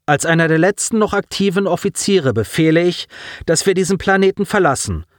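A male narrator voicing a calm ship officer in a sci-fi audiobook, giving orders. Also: high voice, fairly quick, dry recording, studio quality, pitched above the performer's own voice. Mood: commanding. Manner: commanding, calm.

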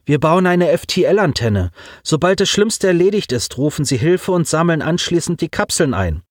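An anxious teenage boy, stranded on a wrecked ship, as a man reads him aloud in a raised, youthful pitch. He talks in an earnest, hurried way, and his voice swings up and down. The sound is dry and close. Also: sing-song, no echo. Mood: worried, hurried.

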